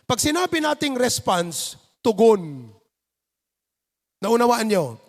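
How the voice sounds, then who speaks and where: Man, Filipino accent, pastor, sermon, very high voice, long church reverb. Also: slow pace. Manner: animated, acts out neighbors' reactions in put-on voices. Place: church sanctuary.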